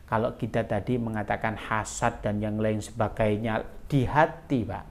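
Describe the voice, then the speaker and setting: A male preacher, telling a story in a sermon, animated and acting out the quotes. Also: fairly low pitch, moderate pace. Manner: animated, acts out quotes, mixes in Javanese words.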